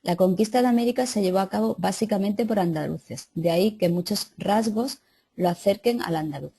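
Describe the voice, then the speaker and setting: A woman's voice: mid-range voice, fairly quick, dark tone, husky. A woman teacher reading lesson notes aloud and adding casual asides to her students. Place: classroom or online class.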